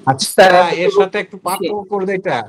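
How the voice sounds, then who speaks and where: A man's voice: sits high, fast, a crowd in the background. Man asking a question on a call. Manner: informal, addresses the teacher familiarly.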